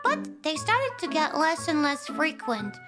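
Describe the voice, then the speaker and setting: Brief: woman streamer, casual chat, high and excitable, loose and profane. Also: measured pace. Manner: excitable, shrieking and swearing freely. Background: background music.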